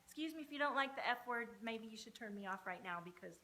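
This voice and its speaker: A woman's voice: fairly high pitch, animated, fast talker, bright, forceful tone. A woman giving an informal, sweary motivational pep talk as a coach on a livestream, with emphatic, punchy delivery. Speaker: energy coach hosting a livestream.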